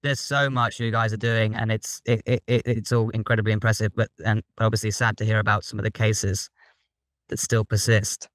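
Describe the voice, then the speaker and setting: A podcast host with a lowish voice asks curious questions and encourages his guest. His voice is recorded dry and close, with no room echo. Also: little pitch movement, brisk, fairly bright tone. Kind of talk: conversational interview.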